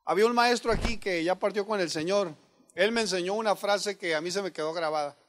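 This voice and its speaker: Male pastor, high voice, earnest chatty sermon delivery. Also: brisk, fairly bright tone, slight background noise. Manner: earnest, addresses listeners as brothers, rhetorical questions. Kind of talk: conversational sermon.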